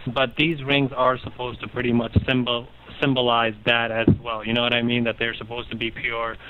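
A man's voice: mid-range voice, completely flat delivery, moderate pace. A man working as a customer service agent, speaking politely and hesitantly over the phone, with many ums and calling the caller sir. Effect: heard over the phone. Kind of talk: phone support call. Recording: tinny phone line.

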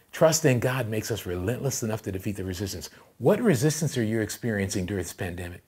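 A male pastor preaching a sermon, telling a story with animated, emphatic delivery that builds to loud passages. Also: fairly low pitch, slightly rough. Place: church livestream.

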